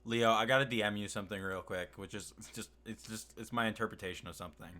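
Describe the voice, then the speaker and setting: A man's voice: fairly low pitch, steady tone, fast, bright, forceful tone, slight background noise. A man playing in an online tabletop game, chatting casually, laughing often and restarting his sentences.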